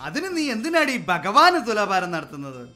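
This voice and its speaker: A woman's voice: mid-range voice, sing-song, brisk, pushed and bright. A woman voicing a boastful, scheming middle-aged father who brags about his actress daughter, with faint music behind. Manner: bragging, sly, scheming.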